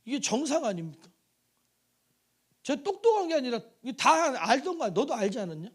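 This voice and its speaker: Pastor, male, very high voice with a lively melody, animated church sermon. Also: fairly quick, husky. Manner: animated preaching, acts out voices, calls to congregation. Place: church sanctuary.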